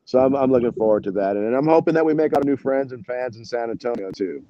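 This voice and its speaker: Fast-talking and medium-pitched, an American band musician rambles informally as an interview guest, using "you know" and "man" a lot. The recording sounds dull, with no room sound.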